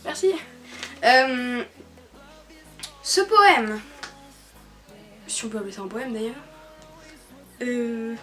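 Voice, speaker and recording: A woman's voice: fairly high pitch, big pitch swings, takes it slowly, pauses often, a bit bright, soft background music. A young woman from France chatting casually on her bed in her bedroom, laughing often, with many fillers and restarts, filmed by a camera on a tripod. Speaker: YouTuber. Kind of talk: casual vlog chat.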